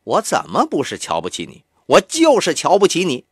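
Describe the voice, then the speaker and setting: A man reading an audiobook, voicing a hot-headed young man who taunts in a raised, sharp voice. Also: on the high side, wildly swooping pitch, normal speed, slightly rough, no echo, studio quality, pitched above the performer's own voice, heavily acted. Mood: mocking.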